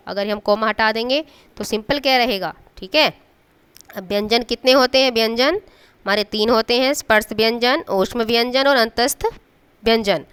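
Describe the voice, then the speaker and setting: Very clear-voiced woman teacher. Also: on the high side, fairly bright tone. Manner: patient, draws out sounds to demonstrate them; checks in with the class often. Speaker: school teacher. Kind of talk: classroom Hindi grammar lesson.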